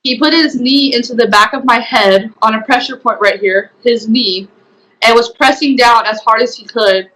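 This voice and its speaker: A woman's voice: a little high, normal speed, a bit bright, rough recording. A young woman giving a personal testimony as an interview guest, retelling events earnestly with many fillers. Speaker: guest, former program resident.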